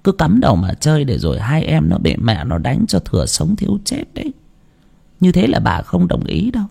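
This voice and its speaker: A man voicing a soft-hearted, fussing elderly grandmother in a storybook tale. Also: wildly swooping pitch, brisk, gravelly, breathy edge, heavily acted. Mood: coaxing. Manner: scolding, coaxing, high-pitched.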